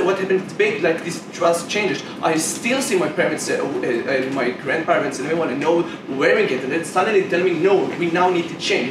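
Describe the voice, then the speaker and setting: A young Israeli man whose first language is Hebrew delivers a debate speech as a competitive debater, his slightly high voice argumentative and halting with many restarts. Recorded far from the mic in a debate room, the audio is noisy with a roomy echo.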